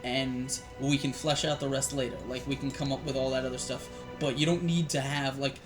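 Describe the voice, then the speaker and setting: A man's voice: mid-range voice, level tone, a little fast, over music. A man, a dungeon master, chatting casually on a live show, rambling with frequent restarts and fillers.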